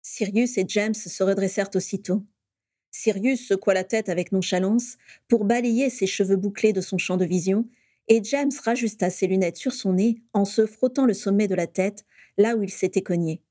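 A woman reads a story aloud in a steady storytelling manner. Her voice is mellow and warm at a middle pitch. The recording is dry and close. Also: moderate pace, no room sound. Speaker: reader.

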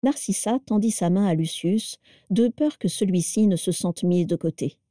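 A woman narrating a story in a calm, steady audiobook reading. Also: mid-range voice, moderate pace, no room sound, clean studio sound.

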